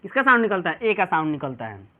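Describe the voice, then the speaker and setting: A man's voice: high-pitched, big pitch swings, quick pace. Male teacher with a tinny phone-like sound. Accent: Bihari Hindi. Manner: repeats questions to students and answers them himself. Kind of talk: classroom English pronunciation lesson.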